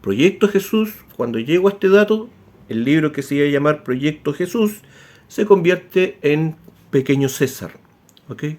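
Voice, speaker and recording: Male author, high voice, casual animated lecture style with frequent restarts. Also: measured pace. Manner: animated, with many tag questions and restarts. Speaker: author explaining history. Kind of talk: informal spoken lecture.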